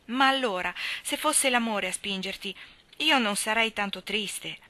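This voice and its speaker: A woman's voice: mid-range voice, expressive, measured pace, pushed and bright, dry recording. A woman reading the lines of a young lovesick country lad with an urgent, pleading delivery.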